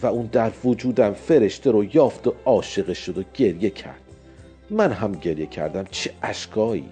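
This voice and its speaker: A man narrating a story as a dramatized audiobook, theatrical, swinging between loud outbursts and hushed asides. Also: fairly low pitch, animated. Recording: narration with faint music behind. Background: faint music.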